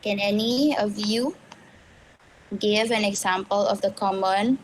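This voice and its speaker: Female lecturer, Cebuano Filipino accent, mid-pitched, slow and halting classroom delivery. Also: slight background noise, poor audio. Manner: halting, explanatory, many fillers.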